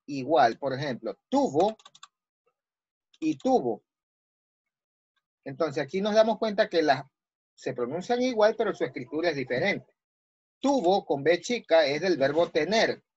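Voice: mid-range voice, a little mellow, dry recording, muffled recording. A teacher with an Ecuadorian Spanish accent explaining a language lesson step by step, often checking with "¿sí?". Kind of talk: recorded online class.

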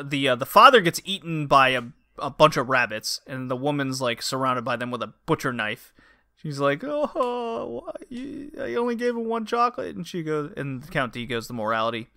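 A man's voice: mid-range voice, bright, forceful tone, no room sound, studio quality. A man co-hosting a podcast, recapping plots in a rambling, laughing way. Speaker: podcast co-host. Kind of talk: casual chat.

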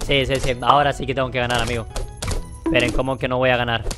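A young man giving chatty gameplay commentary, excitable and talking straight to his viewers. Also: medium pitch, fast. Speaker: gaming youtuber. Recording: faint game music behind.

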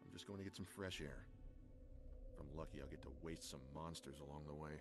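Barry, gravel-deep game soldier. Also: male voice, quick pace. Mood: uneasy. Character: gruff middle-aged male team soldier. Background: game music.

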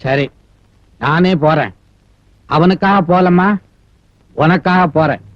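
An actor playing a calm older father-in-law with a soothing, measured way of talking, in a film drama. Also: high-pitched, no room sound, dull audio. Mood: weary.

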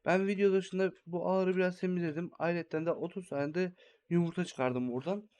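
A man's voice: sits high, steady tone, normal speed, darkish tone, clear, resonant tone. A young man hosting a gaming channel, giving rambling, think-aloud commentary while he builds in a farming game.

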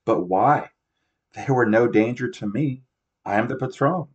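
A man's voice: mid-range voice, measured pace, distant mic, natural voice. A man reading as an earnest, insistent teen boy. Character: young teenage boy who insists he is in charge. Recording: dull lo-fi recording.

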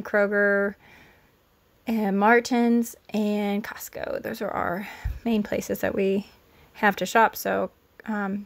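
A woman in her thirties talks casually through a grocery haul, filmed on a handheld phone. She is chatty and rattles off prices, often correcting herself mid-sentence. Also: mid-range voice. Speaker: homesteading vlogger. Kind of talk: casual shop-with-me haul narration. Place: store aisles, then home kitchen. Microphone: handheld phone camera.

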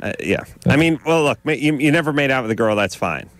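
A middle-aged man hosts a radio call-in show, bantering casually with callers and co-hosts on a studio microphone with no echo. He talks fast, sarcastic and riffing off into comic tangents, with a medium-pitched, fairly bright voice and lively intonation.

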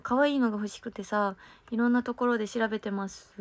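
A woman's voice: on the high side, steady tone, fast talker, dry recording. A young woman hosting a casual livestream, rambling and thanking viewers, her diction slightly slurred. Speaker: livestream host and stage performer.

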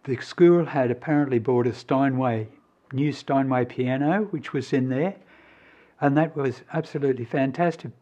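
A man recounting past events in a measured, anecdotal way, on dull lo-fi audio. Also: medium pitch, mellow. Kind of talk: casual reminiscing.

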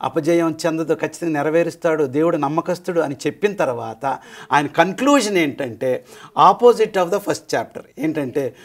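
Middle-aged male Bible teacher, slightly high voice, animated storyteller who drops in English phrases. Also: normal speed. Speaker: Bible study guest teacher. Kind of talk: Bible study discussion.

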